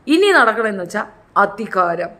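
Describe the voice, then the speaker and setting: A woman's voice: mid-range voice, big pitch swings, a little slow, a bit bright. A middle-aged woman giving chatty, opinionated commentary in a casual style, acting out quotes with other voices. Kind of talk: casual reality show commentary.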